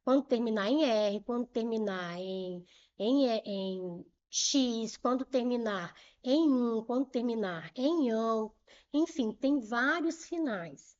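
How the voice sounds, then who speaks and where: A woman's voice: on the high side, animated, slow, lo-fi sound. A woman with a Brazilian Portuguese accent teaching a grammar lesson for exam prep, patiently repeating rules and asking and answering her own questions.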